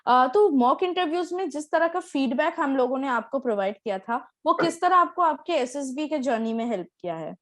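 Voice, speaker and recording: High-voiced woman asking questions. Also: lively intonation, fairly quick, hardly any pauses, fairly bright tone. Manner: asks long questions with fillers. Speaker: interviewer, coach. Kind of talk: interview questions.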